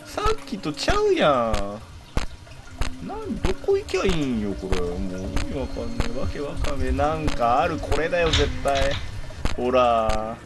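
A man's voice: medium pitch, sing-song, unhurried, loud music behind the voice, poor audio. A man commentating a horror game, jumpy and chatty, bickering with the game. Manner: jumpy, talks back at the game with jokes and complaints.

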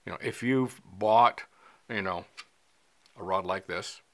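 A fly fishing vlogger in his sixties talks casually to the camera in a small indoor studio with a dark backdrop. His voice is deep and he takes it slowly, speaking conversationally with lots of fillers and hand gestures.

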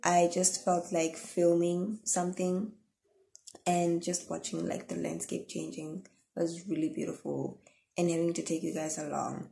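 A tired young woman from Namibia signing off her vlog in a soft, rambling casual chat, with a gravelly, worn voice. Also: on the low side, level tone, a little slow. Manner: soft, rambling sign-off with many fillers. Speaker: vlogger.

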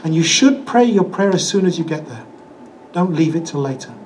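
An older man with a fairly high, expressive, slightly mellow voice teaches a religious class briskly in a small hall with a projector screen, talking into a handheld mic. His lecture is chatty and takes audience questions, and he acts out excuses in quoted voices, with a little hiss or hum on the recording.

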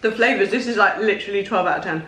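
A woman's voice: mid-range voice, racing, a bit bright. A woman hosting a food challenge vlog, talking in an upbeat, enthusiastic, casual way. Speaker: channel host. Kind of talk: casual chat on camera. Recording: echoey room, faint music.

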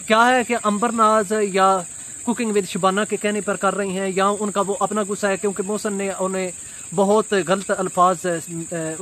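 A man in his thirties giving a casual commentary vlog outdoors beside a brick wall, recorded on a phone camera, pausing often with fillers. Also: high-pitched, fairly bright tone, slight background noise. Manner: hesitant, many filler pauses. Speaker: vlogger. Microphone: phone camera at arm's length.

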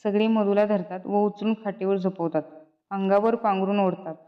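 A woman reading a school play aloud, giving the stage directions in a plain, even way, on a dull lo-fi recording. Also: medium pitch, moderate pace. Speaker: reader of a school textbook lesson.

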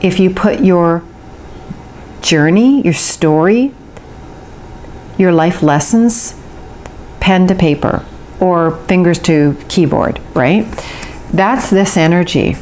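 A woman's voice: lowish voice, slow pace, long pauses, darkish tone, slight background noise. A woman giving an intuitive tarot reading to the viewer, talking in a flowing, earnest way and drawing out words for emphasis. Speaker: tarot reader.

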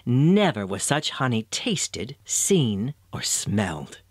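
Male storybook narrator, expressive, dry studio sound. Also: mid-range voice, slow pace, breathy edge, no echo.

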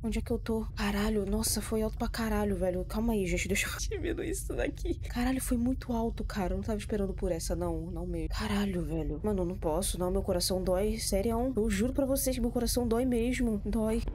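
A woman's voice: medium pitch, steady tone, quick pace, hardly any pauses, warm tone, slight background noise. A young woman with a Brazilian accent and a stuffy nose from a cold, casually commenting on a horror game she is playing live, jumpy, swearing a lot and talking to her chat. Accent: Brazilian Portuguese.

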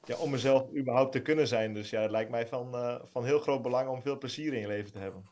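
A man in his late thirties speaks as an interview guest. His pitch sits in an ordinary middle range. He talks in a relaxed, unhurried way and pauses often to find his words. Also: a little hiss or hum. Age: 30s. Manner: relaxed, frequent hesitations. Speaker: guest, former pro footballer. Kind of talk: interview answers and reading aloud.

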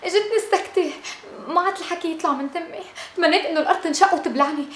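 Panicked, very high-voiced young Lebanese woman. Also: racing, fairly bright tone. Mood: ashamed. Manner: distraught, pleading. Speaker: young woman caught in a lie. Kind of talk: TV drama acting.

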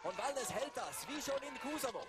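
A man doing live race commentary, building to excited calls near the finish. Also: very high voice, normal speed, very noisy. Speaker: sports commentator.

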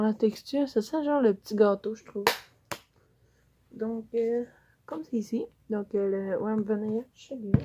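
This young woman's voice is warm and on the high side, with a Quebec French accent. As a vlogger, she shows things to the camera during a casual haul video, full of fillers. Dull lo-fi audio with faint background noise.

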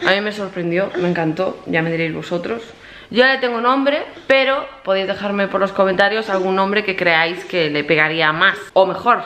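A woman's voice: medium pitch, fairly quick, sharp tone, a little hiss or hum. A woman from filming a casual home vlog, cooing and gushing in baby talk at her pets and child. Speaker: vlogger. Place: home living room.

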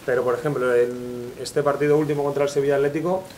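A man's voice: medium pitch, little pitch movement, fast, darkish tone, a little hiss or hum. A man in a casual panel discussion in a restaurant, arguing animatedly and pressing his case with rhetorical questions. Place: restaurant dining room, indoors.

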